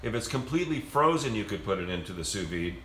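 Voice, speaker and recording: Low-voiced man explaining home cooking. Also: sing-song, fast, fairly bright tone, roomy sound, a little hiss or hum. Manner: rambling, with frequent restarts and fillers. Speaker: home cooking video host. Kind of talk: casual cooking demonstration. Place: home kitchen.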